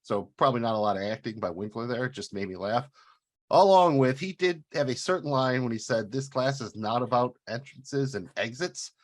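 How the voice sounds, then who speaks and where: Man, podcast co-host, casual chatty review talk, mid pitch. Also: a little fast. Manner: chatty, hesitant with fillers.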